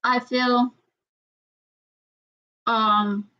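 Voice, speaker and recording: A woman's voice: a little high, little pitch movement, drawn-out words. A woman hosting a casual livestream chat, rambling and repeating herself as she reads out viewer comments. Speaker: channel host. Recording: dull lo-fi sound.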